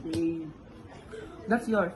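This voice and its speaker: A woman's voice: lowish voice, extremely slow. Filipino woman, home vlogger; coaxing, playful delivery, leisurely pace, light background noise. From Philippines. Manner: playful, coaxing, prompting others. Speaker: vlogger filming a food tasting. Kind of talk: casual home vlog. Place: home kitchen.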